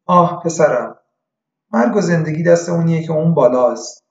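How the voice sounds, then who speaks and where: Man voicing an elderly widow, pious, fatalistic, gravelly, echoey room, lo-fi. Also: sits low, expressive, pitched above the performer's own voice. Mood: weary. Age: older. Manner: sighing, fatalistic, calls the doctor son. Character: elderly widowed woman patient, pious and lonely. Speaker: psychiatric patient.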